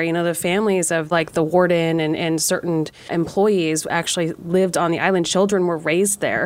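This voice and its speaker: A woman hosting a casual podcast chat, reflective and conversational, musing as she talks. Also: on the low side.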